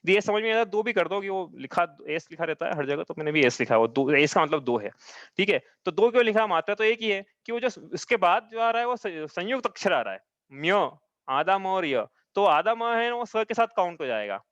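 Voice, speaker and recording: High-voiced man teaching patiently. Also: very animated, fairly bright tone, no echo, highs cut off. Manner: patient, repetitive, checks understanding often; chants verses slowly. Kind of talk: live class explanation. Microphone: own mic, audio only.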